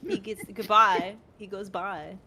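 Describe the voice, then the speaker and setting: A woman rants to her friends with plenty of swearing and exasperation. Her voice sits at a middle pitch, and loud crowd noise runs behind her. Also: fairly even intonation, a little slow. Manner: profane, exasperated ranting. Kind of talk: casual chat.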